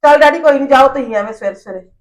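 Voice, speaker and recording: A woman playing a young daughter-in-law in a family comedy skit, who tries to calm others and insists she said nothing. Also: on the high side, rapid-fire, close to an everyday voice. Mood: pleading. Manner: placating, pleading.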